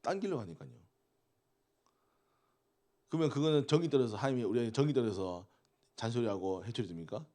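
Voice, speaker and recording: A man gives a sermon to a youth group, his pitch rising and falling in a lively way. He talks with the teens more than at them and keeps asking them questions. His voice sits at a middle pitch. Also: quick pace, pauses often. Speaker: youth pastor.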